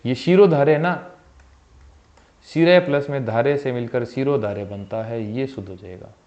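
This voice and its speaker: A man teaching a Hindi exam-prep spelling lesson, repeating each word and its correct form and often dropping his voice softly at the ends of phrases. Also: medium pitch, normal speed. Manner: calls viewers "bhai", asks them questions; voice drops soft at the end of phrases. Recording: slightly dull, lo-fi sound.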